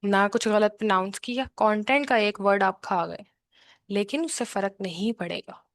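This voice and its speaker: A woman's voice: medium pitch, moderate pace, no room sound. A woman tutoring for an exam, explaining patiently and repeating herself, with frequent check-ins. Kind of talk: explanatory lesson, mixing English terms into her talk.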